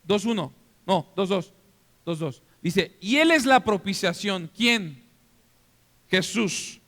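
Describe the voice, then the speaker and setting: A man with a Mexican accent preaching a sermon as pastor, animated and interactive, often checking that the congregation is following. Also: sits high, takes it slowly. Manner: animated, acts out scenes for the listeners. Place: church hall. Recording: long reverb of a church hall.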